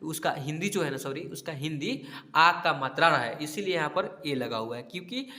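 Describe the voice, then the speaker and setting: A man's voice: fairly high pitch, animated, fairly quick, sharp tone, roomy sound. A man teaching a spelling lesson over a screen, sounding out words syllable by syllable and often checking "ठीक है?" with his pupils.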